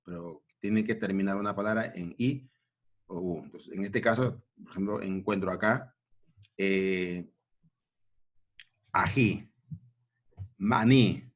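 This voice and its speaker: Guy teaching grammar at a board, slow and patient, keeps asking if you got it. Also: deep voice. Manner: slow, repetitive, checking in with "¿no?" and "¿ya?".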